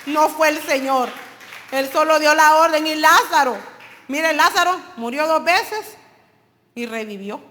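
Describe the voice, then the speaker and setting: A woman preaches with an emphatic sermon delivery, often turning to address her listeners as brothers. Her voice sits high and bright, and it rings out with a long hall reverb around it. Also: measured pace.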